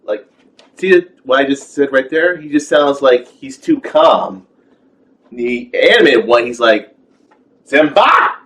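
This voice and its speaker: A man's voice: mid-range voice, a little slow, rough recording. A man giving a rambling, casual rant as a film reviewer, full of fillers and exasperated rhetorical questions.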